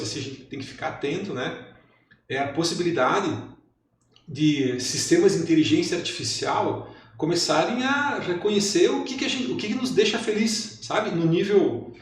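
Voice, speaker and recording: Man, guest professor, thoughtful and slow to conclude; roomy distant sound, faint hiss. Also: on the high side. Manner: reflective, filler-heavy. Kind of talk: casual chat. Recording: echoey room, far from mic, faint noise.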